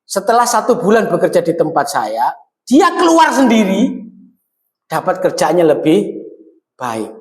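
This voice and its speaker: Animated East Javanese preacher in an echoey hall. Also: male voice, a little slow, long pauses. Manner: animated, swings high when exhorting, mixes Javanese into Indonesian. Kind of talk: sermon. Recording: echoey hall, long reverb.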